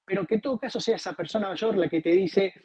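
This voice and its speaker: A man with an Argentine Spanish accent, a doctor who specializes in aging, answering interview questions in an emphatic, expressive storytelling manner. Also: sits high, fast talker, a crowd in the background.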